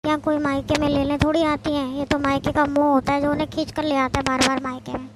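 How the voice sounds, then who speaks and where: A woman voicing a lively, outspoken young married sister in a cartoon, talking in a chatty, reasoning way. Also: high-pitched, quick pace, natural voice. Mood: earnest. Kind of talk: cartoon voice acting. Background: background music.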